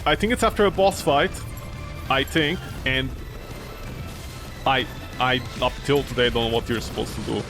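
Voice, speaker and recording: A gaming streamer whose first language isn't English, having grown up with French and Italian, gives casual let's-play commentary over loud game music. He rambles and swears, swinging from loud outbursts to low mumbles, at normal speed with long pauses.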